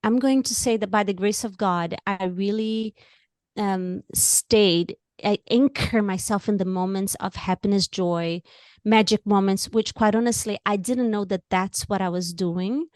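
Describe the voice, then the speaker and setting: A woman from Brazil with a Brazilian Portuguese accent, a guest on an interview show who speaks earnestly and haltingly, often repeating words while she searches for them. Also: medium pitch, steady tone, a little mellow, no room sound, clean studio sound. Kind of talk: candid interview talk.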